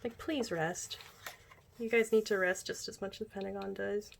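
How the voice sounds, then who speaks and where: A young woman chatting casually while unboxing a music album, gushing as a fan and often dropping into excited whispers. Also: medium pitch, moderate pace, gravelly, slight background noise.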